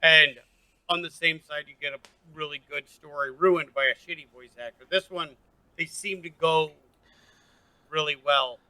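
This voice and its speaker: A man's voice: on the high side, fairly even intonation, moderate pace, pushed and bright, no room sound, rough recording. A man co-hosting a book podcast, chatting bluntly and casually, with the odd swear. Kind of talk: casual chat.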